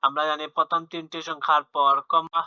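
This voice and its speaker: Male tutor, patient step-by-step explainer with a bright, tense voice; dry, dull lo-fi recording. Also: a little high, level tone, a little fast, clear, resonant tone, no echo. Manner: patient, repetitive explaining with fillers and restarts. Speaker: teacher. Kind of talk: maths lesson for young children.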